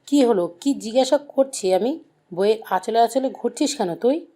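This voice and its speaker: A woman voicing a sharp-tongued aunt in her thirties in an audio story, accusing and nagging. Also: fairly high pitch, animated, a little slow. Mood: scolding. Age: 30s.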